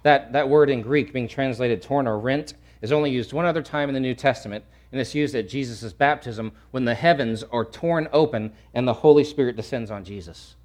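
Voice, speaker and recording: A man preaching a sermon, swinging from loud to hushed and repeating phrases for emphasis. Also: medium pitch, brisk, hardly any pauses. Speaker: pastor.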